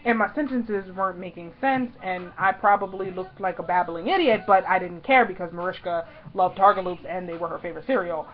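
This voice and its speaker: A woman vlogger telling a personal story in an excited, gushing way, full of "like" and "y'all". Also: lowish voice, fairly quick, few pauses. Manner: gushing, breathless, lots of "like" and "y'all". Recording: dull lo-fi recording.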